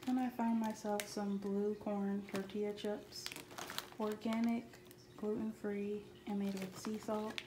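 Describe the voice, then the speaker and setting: Flat-voiced woman vlogger in an echoey kitchen. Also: mid-range voice, a little slow. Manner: relaxed, matter-of-fact listing. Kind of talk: grocery haul voice-over. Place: home kitchen. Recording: echoey room with clear background noise.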